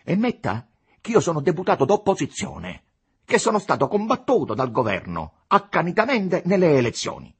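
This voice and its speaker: A man's voice: fairly high pitch, huge pitch swings, normal speed, husky, voice pushed up, exaggerated voice. A man doing a mocking, condescending male politician. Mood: scornful. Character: arrogant scornful male politician, middle-aged.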